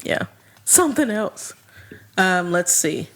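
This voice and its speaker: A woman co-hosting a podcast, chatting in a casual, animated way and saying "like" a lot. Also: fairly low pitch, slow. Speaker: podcast co-host. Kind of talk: casual chat.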